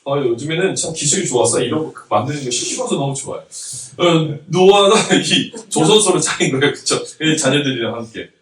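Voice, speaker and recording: A man's voice: fairly high pitch, lively intonation, brisk, hardly any pauses. A man in his thirties, a pastor, preaching a conversational sermon with jokes and laughter, recorded from a distance in a church sanctuary. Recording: roomy hall from a distance.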